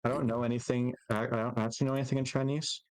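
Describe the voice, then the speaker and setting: A man's voice: mid-range voice, little pitch movement, racing, clear, resonant tone, no echo. Hesitant man chatting, close dry sound. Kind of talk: casual chat.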